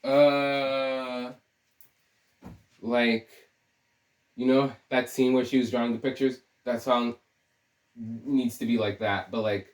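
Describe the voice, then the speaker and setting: Slow and level, with frequent pauses, this mid-range male voice belongs to a young video essayist with a sore throat. His rambling commentary is casual, joking and scattered, often breaking off mid-thought. He sits far from the mic in a roomy space.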